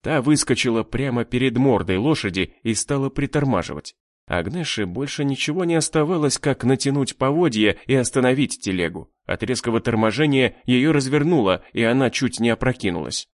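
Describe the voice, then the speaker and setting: A man narrating an adventure story in an animated storytelling manner. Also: mid-range voice, fairly quick, no echo, studio quality. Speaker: audiobook narrator. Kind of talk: scripted narration.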